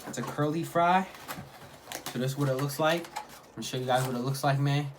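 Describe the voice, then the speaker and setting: A man's voice: mid-range voice, fairly quick. A man talking casually in a food vlog, hyping things up in repetitive slang. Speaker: mukbang vlogger. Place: at home. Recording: clearly noisy home recording.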